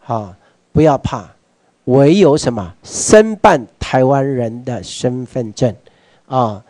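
Taiwanese guy lecturing a workshop crowd, kinda high mellow voice, quizzes people, drops into hokkien. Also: dry recording. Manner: questions the audience directly, mixing in Hokkien phrases; swings between quiet asides and loud urging. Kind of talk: lecture to a live audience. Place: meeting hall with an audience.

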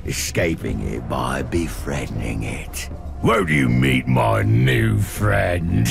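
A man voicing a vengeful, sadistic orc in a video game, menacing and gravelly. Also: very deep voice, very animated, slow, music in the background, exaggerated voice. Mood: dark menace.

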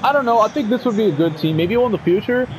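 A man's voice: high voice, very fast, a crowd in the background, rough recording. Chatty young man narrating football gameplay. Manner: excitable, shouts goal celebrations, chatty slang. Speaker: gaming YouTuber. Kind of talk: casual gameplay commentary.

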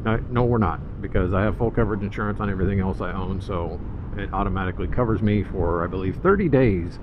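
A man's voice: low voice, fast. A man giving casual, easygoing riding commentary from inside a helmet as he vlogs on a scooter. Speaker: motorcycle vlogger. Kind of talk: casual first-ride vlog commentary while riding. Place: outdoors, riding a scooter through town streets. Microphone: mic inside a motorcycle helmet. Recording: muffled helmet mic, loud wind and road noise.

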